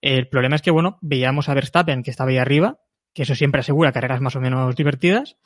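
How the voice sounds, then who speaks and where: A man's voice: mid-range voice, rapid-fire, no echo, clean studio sound. A man on a podcast panel giving casual motorsport commentary in a Spain Spanish accent.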